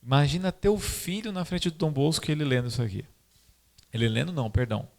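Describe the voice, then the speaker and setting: Animated Brazilian man telling stories. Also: quick pace. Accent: Brazilian Portuguese. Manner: animated, conversational, pitch swinging widely, frequent tag questions. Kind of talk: informal talk with storytelling.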